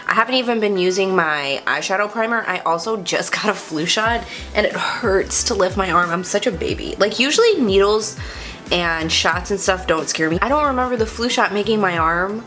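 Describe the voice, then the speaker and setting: Over soft background music, a young woman vlogger talks through her makeup tutorial in a casual, confiding, self-deprecating manner, a little sniffly and congested. She speaks in a mid-range, fairly bright, expressive voice at a moderate pace.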